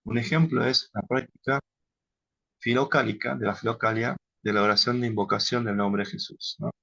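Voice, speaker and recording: A man teaching contemplative prayer in an unhurried, halting way, often adding a questioning tag. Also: mid-range voice, steady tone, vocal fry, a bit bright, dry recording. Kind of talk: instructional talk on contemplative prayer. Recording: dull lo-fi sound.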